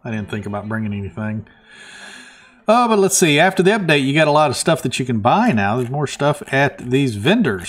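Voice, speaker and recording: A man casually commenting on a video game he is playing, thinking aloud with plenty of fillers. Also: medium pitch. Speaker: let's play host.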